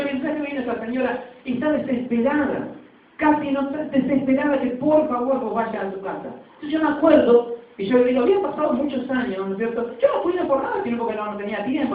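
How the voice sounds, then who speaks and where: A man with an Argentine accent preaching a fervent sermon in a church, often tagging "right?" onto his phrases. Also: very high-pitched. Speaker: pastor. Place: church hall. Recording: tinny, echoey hall from far off.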